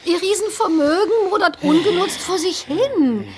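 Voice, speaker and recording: Manipulative older wife for a radio play, theatrical, lively pitch. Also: female voice, moderate pace, slight background noise. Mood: scheming. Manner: coaxing, theatrical, swings high and low.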